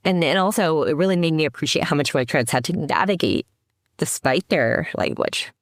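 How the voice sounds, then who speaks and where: Her voice sits low and is expressive, running a little fast, as this middle-aged podcast guest from the Seattle area, United States, recounts her story. She's a company CEO, and her casual interview talk is reflective, with many restarts and fillers. The recording is dry with clean studio sound.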